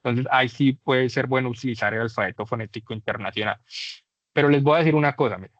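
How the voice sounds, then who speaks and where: A man's voice: medium pitch, fast talker, no echo. A man teaching an English class, explaining patiently and exaggerating vowel sounds to demonstrate them. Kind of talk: class lecture. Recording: dull lo-fi dry recording.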